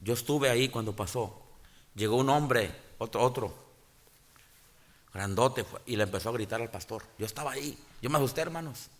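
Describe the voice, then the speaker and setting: A pastor, preaching a sermon in church, often pausing to restart and calling out "hermanos". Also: male voice, mid-range voice. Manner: halting restarts and filler sounds. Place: church sanctuary.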